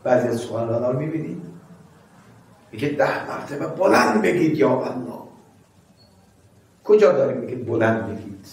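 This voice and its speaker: Cleric preaching in an echoey hall. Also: male voice, mid-range voice, a little mellow. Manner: recites verses slowly, drawn out; asks listeners "bale?" often. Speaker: cleric teaching ethics. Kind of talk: sermon. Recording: echoey hall, mic far off.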